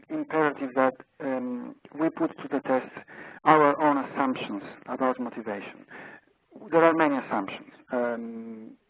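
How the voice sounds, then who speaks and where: A man from Italy hosts a webinar over a phone handset on a muffled line, his Italian accent clear. He hesitates often, using many fillers and repeated words, in a mid-range, slightly bright voice with vocal fry.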